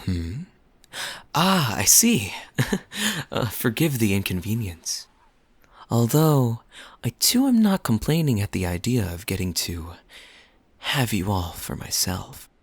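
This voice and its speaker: A man's voice: lowish voice, sing-song, slow, no echo, full character voice. Man playing suave, teasing Kaeya, swooping flirtatious lilt. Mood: teasing, intimate. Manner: smooth-talking, playful, coy, lingering phrasing. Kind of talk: romantic interactive audio roleplay, spoken to the listener.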